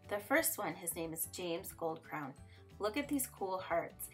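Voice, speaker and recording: A woman's voice: on the low side, lively intonation, a little slow, faint music behind. A woman reading scripted educational narration for children as an art teacher.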